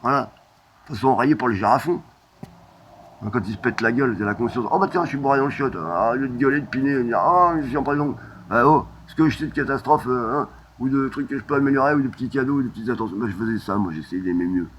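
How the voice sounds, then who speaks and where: A man's voice: mid-range voice, quick pace, muffled recording, a little hiss or hum. A man talking in a rambling, disjointed monologue, crude and full of "hein" fillers, drifting from topic to topic.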